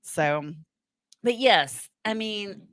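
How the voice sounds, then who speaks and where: A woman's voice: medium pitch, animated, drawn-out words, dry recording, clean studio sound. A woman co-hosting a talk show, chatting casually and retelling things conversationally, often acting out who said what. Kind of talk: casual chat, storytelling.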